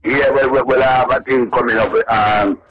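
A man's voice: mid-range voice, steady tone, normal speed, breathy edge, dry recording. Man talking over the phone. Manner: loose, repetitive, upbeat patter with many "you know"s and "man"s. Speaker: reggae artist guest. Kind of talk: casual radio interview. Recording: muffled phone-line audio.

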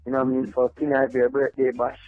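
A male reggae artist phones into a radio show for a casual interview, talking quickly in a medium-pitched, monotone voice. He rambles loosely, saying "you know what I mean" a lot, over a tinny phone line with faint music behind.

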